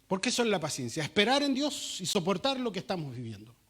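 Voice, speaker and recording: A Chilean male pastor preaching a sermon with lively acted-out quotes. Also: high-pitched, fast talker.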